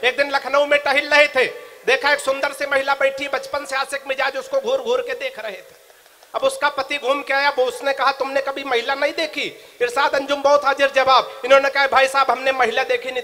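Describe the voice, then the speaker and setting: Male comic poet, high bright voice, quick banter, slow chanted couplets. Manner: joking banter with the crowd, chanted verse. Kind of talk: stand-up comic poetry at a live recital.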